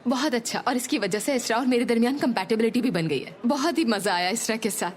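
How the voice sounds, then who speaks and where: A cheerful, lightly teasing show host with a fairly high, lively voice, as an actress plays her in a TV drama dub. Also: brisk, a little hiss or hum, natural voice. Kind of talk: dubbed TV drama.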